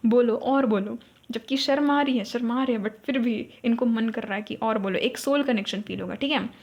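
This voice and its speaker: A fairly high-voiced woman talks through a tarot reading in a loose, chatty way. She keeps checking in with her listeners and now and then acts out people's reactions in quick little bursts. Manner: chatty, keeps asking "theek hai?" and saying "guys". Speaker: tarot reader. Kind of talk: casual tarot reading to camera.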